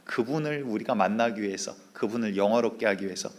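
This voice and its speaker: A man's voice: on the low side, quick pace. A male pastor preaching a sermon, telling a Bible story conversationally with rhetorical questions to the congregation. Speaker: senior pastor.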